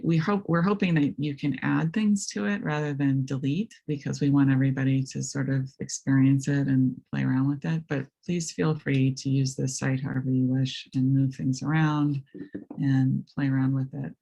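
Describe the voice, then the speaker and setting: A woman with a raspy voice presenting a webinar, walking through software step by step with many hesitant ums. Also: very deep voice, moderate pace. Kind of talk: screen-share software walkthrough.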